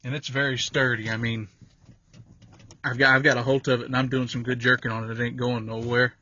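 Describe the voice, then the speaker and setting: Filmed on a handheld phone or camera in and around a pickup cab, this vehicle DIY creator speaks in a mid-range, bright, forceful voice with little pitch movement, a little fast. His folksy walkthrough is informal and slightly rambling. The lo-fi sound is dull and echoey, with a little hiss or hum.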